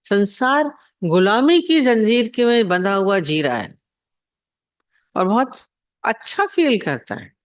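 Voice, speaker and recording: A man's voice: high voice, big pitch swings, takes it slowly, long pauses, no room sound. A man giving a devotional discourse on scripture as a spiritual teacher. He repeats his points and asks his listeners rhetorical questions.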